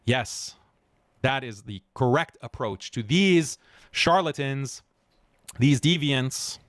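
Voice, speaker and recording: A man's voice: mid-range voice, expressive, slow pace, a bit bright, no echo, clean studio sound. A man giving live-stream commentary, mocking and scornful, laughing often as he reacts. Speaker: online commentator.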